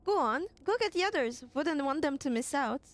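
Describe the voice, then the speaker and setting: A woman's voice: high-pitched, expressive, normal speed. A woman reading the lines of a friendly, laid-back alien musician with a put-on accent.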